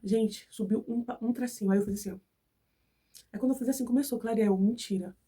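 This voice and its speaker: Fast-talking Brazilian woman with a cold. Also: a little high, steady tone, dark tone, breathy edge, recorded from a distance. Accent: Brazilian Portuguese. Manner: chatty, acts out dialogue in the retelling. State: has a cold. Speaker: vlogger. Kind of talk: casual storytelling to viewers.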